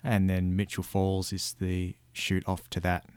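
A man's voice: deep voice, monotone, unhurried, a little mellow, smooth, no echo. A man with a broad Australian accent chatting casually and colloquially, giving laid-back travel advice. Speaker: guest recounting an outback road trip.

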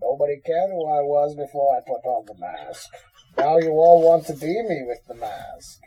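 A podcast host doing a slow, theatrical impression of a menacing masked male villain, talking into a coffee mug so his voice sounds muffled. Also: on the high side, animated, mellow, slightly rough. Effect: muffled, spoken into a coffee mug. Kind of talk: casual chat, hamming up a villain impression.

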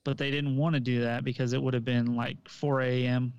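A man with a smooth, resonant voice co-hosts a casual podcast and talks about coaching. He speaks easily, hedging his points and filling them with "like" and "um". The recording is dull and lo-fi, with a very dry sound. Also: medium pitch, level tone, fairly quick, dry recording. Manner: easygoing, hedging, fills with "like" and "um". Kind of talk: casual chat.

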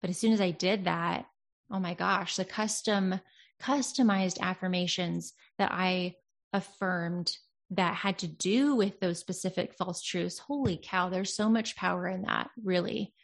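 A woman's voice: on the low side, steady tone, a little slow, vocal fry. A woman in casual conversation about healing and self-talk, speaking earnestly and reflectively, sometimes slipping into quoted voices. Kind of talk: casual self-help chat.

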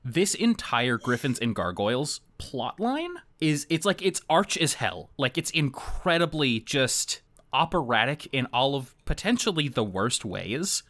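A man's voice: mid-range voice, very animated, measured pace, a bit bright. A man hosting a casual podcast, talking enthusiastically and at length with laughing asides. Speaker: podcast host this week.

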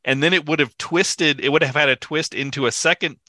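A man's voice: a little high, fairly quick, bright, forceful tone, no room sound. A man co-hosting a film podcast, retelling scenes with enthusiasm and animation. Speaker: podcast co-host. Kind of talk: casual film discussion.

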